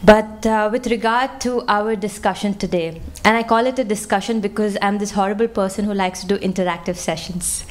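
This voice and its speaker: A woman's voice: medium pitch, fairly even intonation, a little fast, few pauses. Conversational woman giving a temple lecture. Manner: warm and conversational, with fillers. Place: temple hall.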